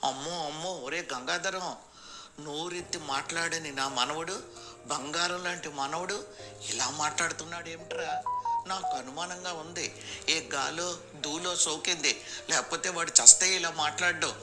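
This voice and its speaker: A man putting on a loud, wailing old grandmother. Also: fairly high pitch, measured pace, loud music behind the voice, lightly acted. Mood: fretful. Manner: loud, scolding, lamenting. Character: elderly grandmother, fussy and wailing.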